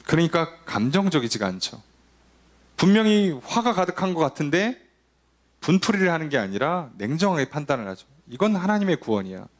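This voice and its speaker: With a slightly high voice and a brisk delivery, this pastor energetically preaches his Sunday sermon. Rhetorical questions come often, and he takes on quick impressions of whoever he's quoting.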